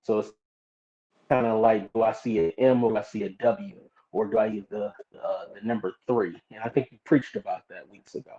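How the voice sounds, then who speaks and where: A joking man co-hosts over a video call. His voice is dark and mellow, and the call audio comes through dull and muffled. He teases in a casual way. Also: fairly low pitch, steady tone, brisk. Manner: joking, teasing. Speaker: co-host. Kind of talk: casual live-stream chat.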